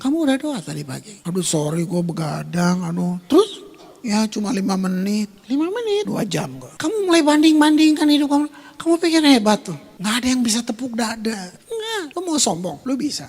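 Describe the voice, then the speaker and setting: A middle-aged man preaches a sermon with a husky, breathy edge to his voice. He talks in casual slang and swings from loud, punchy lines to hushed asides. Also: high-pitched. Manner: casual Jakarta slang, dramatic swings in loudness. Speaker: pastor.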